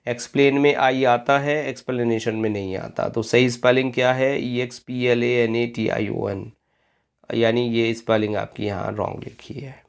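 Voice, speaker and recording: Slow gravelly teacher spelling words. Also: male voice, medium pitch. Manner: spells words out letter by letter, slowly and deliberately; addresses students as friends. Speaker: English teacher. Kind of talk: exam-prep spelling lesson.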